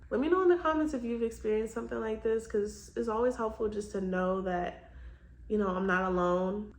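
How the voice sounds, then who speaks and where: A woman vlogging casually to her phone, candid and reflective, peppering her talk with "like" and "girl". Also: medium pitch. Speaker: lifestyle vlogger. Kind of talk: casual vlog chat. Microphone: phone camera. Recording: roomy sound from away from the phone.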